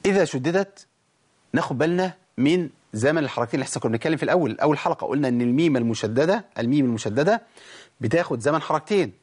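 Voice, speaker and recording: A man with an Egyptian accent teaching tajweed on a TV show, lively, talking straight to the viewers and drawing out sounds slowly to demonstrate them. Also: fairly high pitch, breathy edge. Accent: Egyptian Arabic. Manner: lively explaining, addresses the audience directly. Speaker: Quran recitation teacher.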